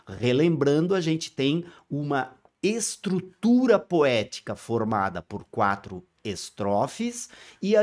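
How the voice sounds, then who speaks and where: A male teacher giving a lively, informal exam-review lesson. He spells out rhyme letters one by one and asks students' questions himself. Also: on the high side.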